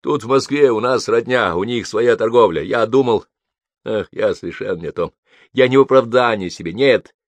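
A man's voice: medium pitch, moderate pace, dry recording, voice pushed up, lightly acted. A male audiobook reader voicing a shamed young merchant's son in his twenties who pleads in a broken, tearful way. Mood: pleading. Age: 20s. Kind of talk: audiobook character voice.

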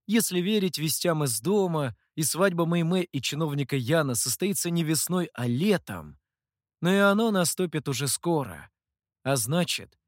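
A man narrating a fantasy story with an expressive, animated reading. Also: on the high side, no echo, clean studio sound.

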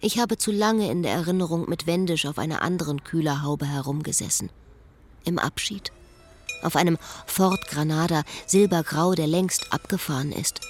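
In a measured, literary radio drama monologue, a woman with a deep voice plays a reflective schoolteacher recounting her own story, acting it only lightly.

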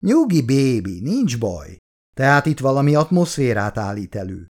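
A man's voice: medium pitch, big pitch swings, darkish tone. A man voicing a cocky, reckless male scientist who talks in a breezy, teasing way in an audiobook.

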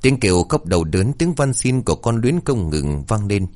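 A man narrating a horror story in a dramatic, expressive reading. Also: fairly low pitch, moderate pace.

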